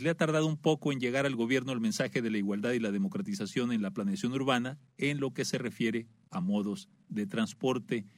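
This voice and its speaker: A man's voice: mid-range voice, no room sound. A man hosting a radio talk show, conversational and full of "eh" fillers. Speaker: radio host.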